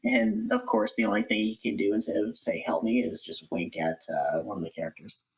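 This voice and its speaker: In a casual interview, a guest who does amateur voice acting answers in a hesitant, thoughtful way, his fairly low voice moving fairly quickly. The recording is rough, with music playing in the background.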